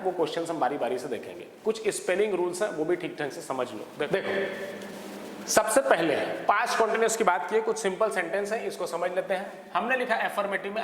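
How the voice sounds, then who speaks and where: A man's voice: high voice, fairly bright tone, a little hiss or hum. A man with an Indian English accent giving a grammar lesson, explaining step by step and checking in with his listeners. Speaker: English teacher. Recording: echoey hall, faint background ambience.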